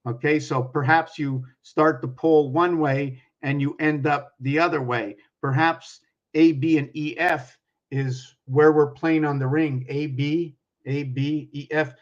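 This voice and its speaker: A man's voice: fairly high pitch, fairly even intonation, measured pace. A man in his sixties giving a rambling explanatory monologue, working through sums aloud, pointing at objects and putting questions to the viewer. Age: 60s. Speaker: numerology speaker. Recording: dull lo-fi recording.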